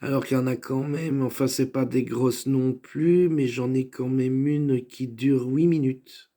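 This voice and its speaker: A man's voice: medium pitch, steady tone, a little slow, dark tone. A man talking casually to camera about his videos, hesitant, with many fillers and restarts, now and then joking. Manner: chatty, joking aside. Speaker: vlogger and sketch maker. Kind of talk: casual rambling vlog talk.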